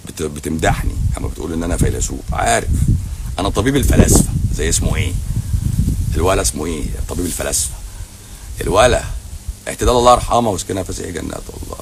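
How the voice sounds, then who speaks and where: A man's voice: a bass voice, animated, very fast, creaky, background noise. A middle-aged man with an Egyptian Arabic accent, a doctor answering viewer questions on a livestream in a blunt, teasing, sarcastic way. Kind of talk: casual livestream Q&A. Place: hotel lobby at night.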